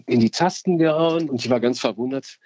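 A man's voice: mid-range voice, a little fast, a little mellow, a little hiss or hum. A man with a stuffy nose and a nasal voice, chatting casually and telling anecdotes as an interview guest. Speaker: interview guest, singing parcel courier and opera singer. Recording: slightly dull, band-limited sound.

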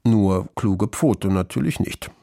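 A man's voice: on the low side, animated, slow, gravelly, warm tone, no room sound, studio quality. A man narrating a children's story expressively. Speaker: audiobook narrator.

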